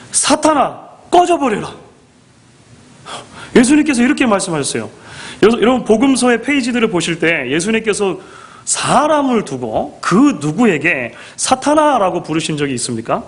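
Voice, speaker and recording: Male pastor, sermon, fairly high voice, very lively pitch, acts out quoted speech, rhetorical questions. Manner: asks the congregation rhetorical questions.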